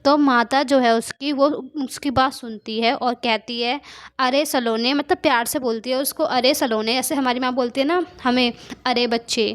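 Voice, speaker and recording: A female teacher works through a poem line by line, slowly reading each verse and then explaining it in plain, everyday language with a bit of English mixed in. Her voice sits high and her tone stays steady.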